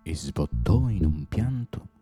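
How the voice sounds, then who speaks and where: A man narrating a folk tale in a lively, theatrical storytelling manner. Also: very deep voice, slow, slightly rough. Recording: loud music behind.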